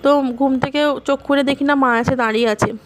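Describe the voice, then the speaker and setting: A woman with a high voice narrates a home vlog as a voice-over. She sounds weak and worn out from being unwell, but keeps up a loose, chatty, rambling way of telling her day. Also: steady tone, fast, a little hiss or hum. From India, West Bengal. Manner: chatty, rambling everyday storytelling. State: weak and tired from illness. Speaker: vlogger.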